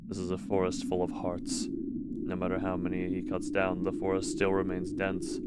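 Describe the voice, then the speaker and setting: A man on a casual livestream switches between reading stories aloud and talking with his live chat. His low-pitched voice is monotone at a moderate pace, and the recording is very noisy.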